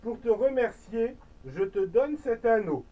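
A woman voicing a kind, frail old beggar in a children's story, speaking slowly and softly. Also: fairly high pitch, expressive, recorded from a distance, phone-quality sound. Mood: gentle.

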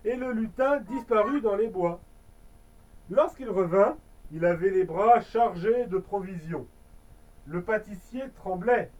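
A man reading a bedtime story aloud to a baby, with gentle, chatty asides. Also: sits high, a little slow, distant mic, dull audio. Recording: voice a bit off-mic.

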